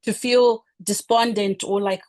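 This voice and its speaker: A woman's voice: medium pitch, steady tone, a little slow, darkish tone, no echo. A woman in her thirties from Zimbabwe, giving a talk in a conversational way with many fillers and restarts. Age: 30s. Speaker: speaker. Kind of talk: informal presentation talk.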